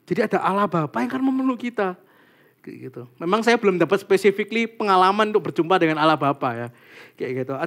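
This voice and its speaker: High-voiced chatty young male preacher. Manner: chatty, animated, peppers talk with "guys" and "kayak gitu". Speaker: small-group church speaker. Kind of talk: casual sermon to a small group.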